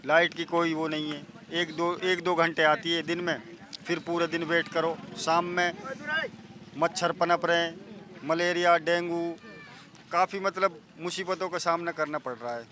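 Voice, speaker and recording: Village man, articulate, fairly high voice. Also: bright, forceful tone. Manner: articulate, measured complaint. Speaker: villager interviewee. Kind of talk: interview answers. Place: outdoors in a village.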